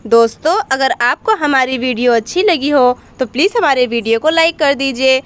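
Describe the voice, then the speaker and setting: A woman closes her channel video with a polite, soft-spoken request. Her voice sits very high. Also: normal speed. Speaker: channel narrator. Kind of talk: video outro.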